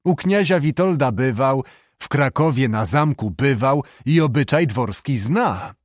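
A man's voice: medium pitch, lively intonation, unhurried, dry recording, studio quality, close to an everyday voice. A man reading an audiobook, voicing a plain-spoken, good-humoured old knight.

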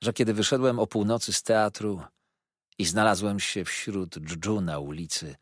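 A man narrating a classic novel in the first person, with an expressive, dreamy storytelling manner and a husky voice. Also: on the low side, normal speed, no echo, clean studio sound. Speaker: audiobook narrator.

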